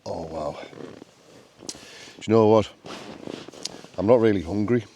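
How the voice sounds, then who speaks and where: A man's voice: fairly low pitch, fairly even intonation, moderate pace, dark tone, lo-fi sound, slight background noise. A man with a Northern English accent chatting casually to camera as a solo camper, musing aloud in a down-to-earth, understated way. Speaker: solo camping vlogger. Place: inside a small tent outdoors.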